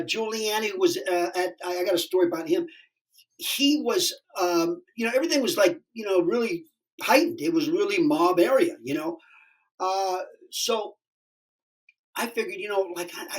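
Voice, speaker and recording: High-pitched and poorly recorded, this male comic in his sixties rambles through a story on a podcast. The casual interview is animated and profane, with lots of fillers and false starts.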